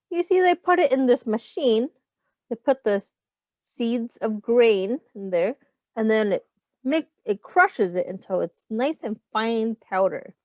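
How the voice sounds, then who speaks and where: A female teacher's voice, on the high side and recorded dry, guides young children through a picture book. She addresses them directly, explains simple vocabulary, calls attention to rhymes, and asks questions along the way.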